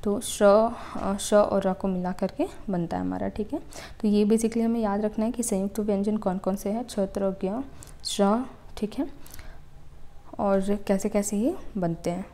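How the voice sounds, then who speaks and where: A woman teaches an exam-prep grammar lesson. Her voice sits at an ordinary middle pitch a dark, mellow tone. She sounds out each letter slowly and checks in her students after almost every point. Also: steady tone. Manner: explains step by step, repeating "ठीक है" to check understanding.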